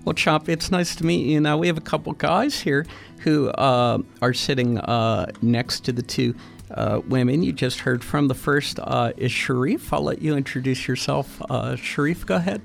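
Man, radio host, very gravelly voice, friendly questions, lots of "uh" fillers, soft guitar music underneath. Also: medium pitch, moderate pace. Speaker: radio host interviewing young guests. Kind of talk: radio interview.

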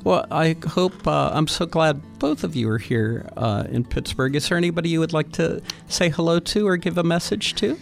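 A man hosting a radio interview, asking friendly questions with many "uh" pauses. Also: a little high, vocal fry, faint music behind. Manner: friendly questioning, frequent "uh" fillers. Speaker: radio host interviewing young guests.

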